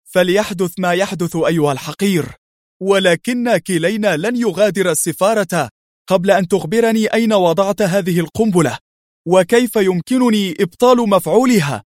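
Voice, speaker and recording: A man voicing a calm, stern male hero agent with a firm, controlled manner. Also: high-pitched, brisk, no room sound, clean studio sound, natural voice.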